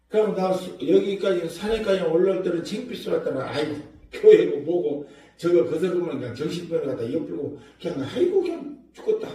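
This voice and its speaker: An older man with a Jeolla accent, a church elder giving an emotional, animated testimony sermon. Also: on the high side, slight background noise. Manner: emotional, animated storytelling with laughter. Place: large prayer hall. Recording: echoey hall, mic far off.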